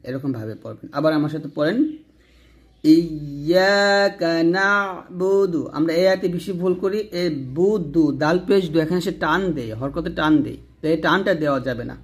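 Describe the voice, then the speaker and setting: A man with a Bangladeshi Bengali accent teaching recitation step by step, spelling out letters and then chanting each word slowly and drawn out, with quick explanations in between. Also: a little high, lively intonation.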